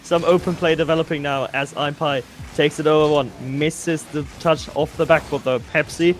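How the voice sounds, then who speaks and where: Excitable high-voiced male esports caster. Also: faint music behind. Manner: quick, excitable play-calling. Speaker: play-by-play caster. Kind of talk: live esports commentary.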